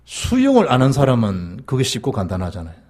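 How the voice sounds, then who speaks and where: Animated husky Gyeongsang-accented pastor. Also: male voice, a little fast. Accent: Gyeongsang Korean. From South Gyeongsang, South Korea. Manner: animated preaching, rising to emphatic peaks and dropping low. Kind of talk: sermon.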